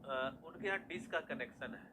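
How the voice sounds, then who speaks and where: A man's voice: a little high, normal speed, noisy background. A man teaching a classroom lesson in Hindi mixed with English terms, repeating his questions and then answering them himself to drill memory tricks.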